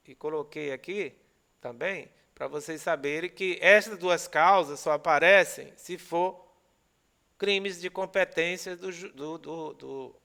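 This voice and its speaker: A man's voice: on the high side, bright, forceful tone. A man with a Brazilian accent giving a recorded law lecture, explaining step by step and checking in with students often. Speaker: law teacher.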